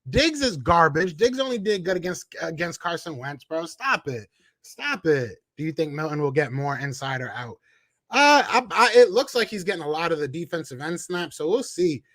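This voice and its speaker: A man with a Philadelphia accent hosting a live sports podcast, reading out chat comments and trash-talking in a casual, animated way. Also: a little high, normal speed, no echo. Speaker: podcast host.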